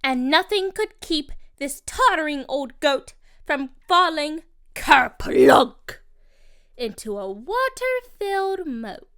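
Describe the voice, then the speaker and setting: A woman narrates a rhyming picture book for children, her voice very high and bright. She takes her time, lingering on each line in a sing-song rhythm with lively rises and falls. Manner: slow, expressive, sing-song rhyming delivery. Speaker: storybook narrator.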